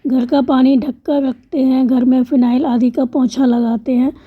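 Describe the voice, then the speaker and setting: A woman's voice: sits high, little pitch movement, normal speed, husky. A woman teacher patiently explaining a language exercise step by step, spelling out letters and word parts one at a time. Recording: dull lo-fi sound.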